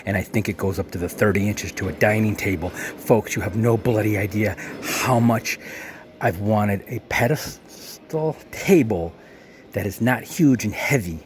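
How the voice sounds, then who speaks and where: A man vlogging casually from inside a resale store, excitable and chatty, talking to his viewers as folks. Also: on the low side, normal speed, few pauses, a little hiss or hum. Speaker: vlogger touring a thrift store. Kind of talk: casual vlog narration.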